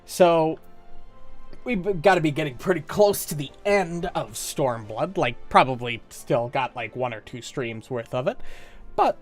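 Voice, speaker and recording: A streamer with a slight cold, sounding a little congested, chats casually on a live stream, rambling and hesitant with many "uh"s. His voice is fairly high and animated but unhurried, with soft music playing in the background.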